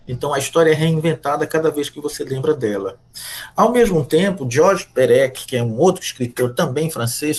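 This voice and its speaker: Lively, lecturing Brazilian professor, man. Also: fairly high pitch. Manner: reflective, lecturing, asks rhetorical questions and tags with "tá certo?". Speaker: history professor, interviewee. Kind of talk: academic interview talk.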